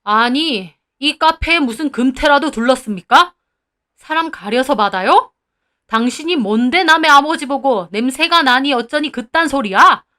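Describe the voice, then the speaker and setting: A woman's voice: fairly high pitch, moderate pace, a bit bright, close to an everyday voice. A woman voicing a middle-aged male landlord who firmly rebukes the cafe owner for insulting his father. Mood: reproachful. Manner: firm and reproachful.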